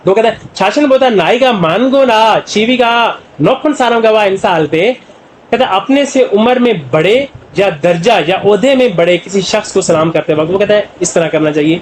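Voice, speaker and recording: High-voiced man explaining a language lesson. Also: slight background noise, rough recording. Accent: Pakistani Urdu. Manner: translates word by word, with many "jo hai na" fillers. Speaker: Korean language teacher.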